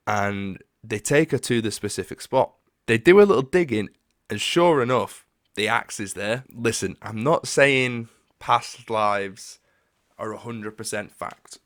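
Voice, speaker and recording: A young man talks through a casual solo podcast, reading stories aloud and reacting to them with animated, drawn-out exclamations. His voice sits a little low. The sound is dry and close, with no room echo. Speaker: podcast host.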